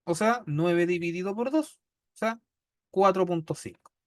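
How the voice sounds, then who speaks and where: A man with a Chilean Spanish accent gives a classroom lecture on statistics, patiently explaining each step and constantly checking in with "¿ya?". His voice sits high, his pace is measured, and the studio-quality recording has no echo.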